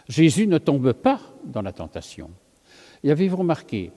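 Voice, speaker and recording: Male priest, mellow tone, halting homily full of "euh", long church reverb. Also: medium pitch. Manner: thoughtful, many fillers and self-corrections. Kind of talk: sermon.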